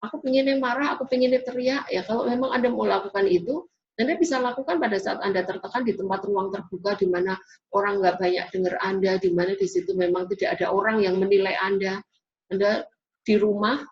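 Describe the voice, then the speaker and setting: A woman's voice: medium pitch, fairly quick. A woman giving a classroom lecture in an explanatory way, often tagging sentences with a questioning "ya". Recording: dull lo-fi recording.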